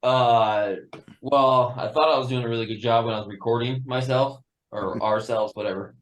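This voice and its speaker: A man's voice: mid-range voice, fairly even intonation, normal speed, rough recording. A man in a band, chatting casually in an interview, laid-back, laughing often and swearing freely. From Upper Peninsula of Michigan. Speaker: band member guest.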